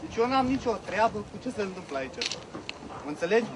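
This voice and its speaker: A man's voice: sits high, sing-song. A cameraman who keeps explaining he is only doing his job, nervous and apologetic. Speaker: press cameraman. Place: outdoors on a street. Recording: outdoor street scene with crowd noise.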